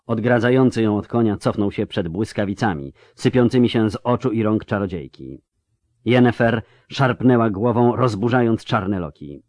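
A man's voice: mid-range voice, a little mellow, no room sound. A man narrating a fantasy audiobook with a dramatic, varied delivery.

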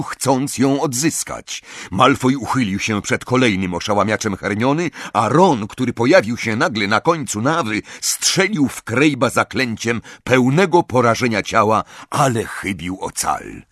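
A man's voice: mid-range voice, fairly bright tone, breathy edge, no room sound, clean studio sound. A man narrating an audiobook with dramatic, varied storytelling. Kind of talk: expressive audiobook reading.

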